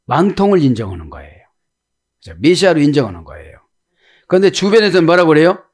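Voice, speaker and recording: A man's voice: huge pitch swings, fast. A male pastor preaching an expository sermon, constantly asking his listeners rhetorical questions and acting out the quotes he reads. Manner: acts out the biblical quotes with shifts in pitch.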